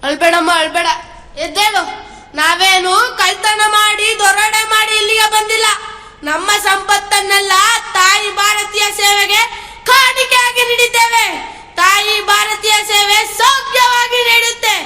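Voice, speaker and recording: A woman's voice: very high voice, steady tone, measured pace, sharp tone, full character voice. A woman playing a defiant young male revolutionary in a school stage drama, speaking in a declamatory, consoling way. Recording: echoey hall from far off.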